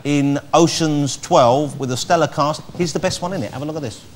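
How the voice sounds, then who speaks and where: A man's voice: a little high, fairly quick. A man hosting a chat show in a TV studio, teasing his guest with a London accent and laughing often. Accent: London English. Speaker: talk show host. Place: TV studio with live audience. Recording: loud studio audience and noise.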